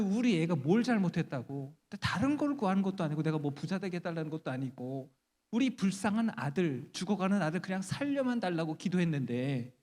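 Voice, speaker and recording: A woman's voice: on the low side, darkish tone. A man voicing a grieving mother who demands answers from an angel, pleading and indignant, with the sound ringing in a reverberant church chapel.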